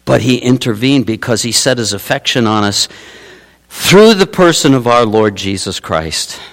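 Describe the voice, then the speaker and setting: Animated male preacher in a reverberant hall. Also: moderate pace. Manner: animated preaching, swinging from low asides to loud exclaims. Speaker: pastor. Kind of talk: sermon. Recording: long reverb of a large hall.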